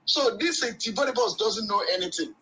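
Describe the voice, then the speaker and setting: A man's voice: sits high, a little fast, pushed and bright, low-quality recording. A man calling in to a talk show, heard over a phone on speaker, arguing his point emphatically and preachily. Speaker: caller. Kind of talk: call-in talk show opinion.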